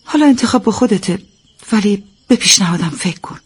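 A woman playing a calm, firm female friend. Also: mid-range voice, slightly rough. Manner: level, reasoning, steadying.

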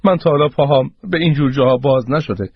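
A man voicing a meek old man who talks slowly and apologetically, in a husky voice over a dull radio broadcast. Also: medium pitch, no room sound, lightly acted. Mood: pleading.

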